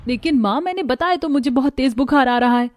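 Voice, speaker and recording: A woman's voice: sits high, fairly quick, close to an everyday voice. A woman voicing a seventeen-year-old girl in a cartoon story, speaking in a pleading, hurt way. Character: 17-year-old girl, neglected and longing for love. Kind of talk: cartoon voice acting.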